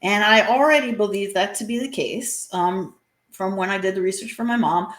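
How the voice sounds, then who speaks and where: A woman's voice: mid-range voice, normal speed, roomy sound. A woman being interviewed as an author, talking earnestly, with many fillers and restarts. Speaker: guest author. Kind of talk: interview conversation.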